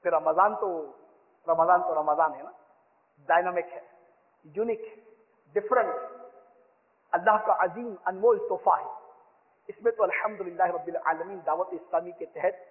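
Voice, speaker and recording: A man's voice: high-pitched, moderate pace, pauses often. A man preaching a sermon, rousing and repetitive, leading the listeners in vows. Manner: rousing, repetitive exhortation, leads the crowd in vows. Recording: echoey hall, tinny phone-like sound.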